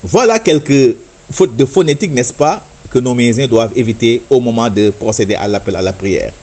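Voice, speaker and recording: A man's voice: mid-range voice, moderate pace, a little mellow. A man giving a patient religious lesson, explaining and demonstrating chanted Arabic words and often adding "n'est-ce pas". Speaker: religious teacher. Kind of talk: religious instruction talk.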